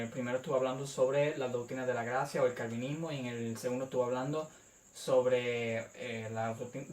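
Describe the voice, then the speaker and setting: A young man from Puerto Rico with a Puerto Rican accent, hosting his channel and calmly explaining a theological rebuttal, pausing often on "eh". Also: mid-range voice, roomy sound, recorded from a distance, low-quality recording. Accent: Puerto Rican Spanish. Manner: measured, frequent "eh" fillers. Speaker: YouTube channel host. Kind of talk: apologetics response video.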